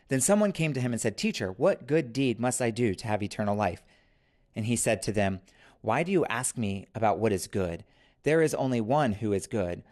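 Low-voiced man leading formal prayers. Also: a little mellow. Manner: measured, formal recitation. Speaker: officiant leading a church prayer service. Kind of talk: liturgical reading and recited prayer.

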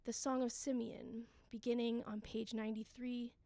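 A higher-voiced woman reads scripture and liturgy as a worship leader. Her delivery is measured, set out phrase by phrase, with a noticeable creak in the voice. The sound is close and dry. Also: level tone, dark tone, no echo. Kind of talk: reading scripture and leading liturgical prayer.

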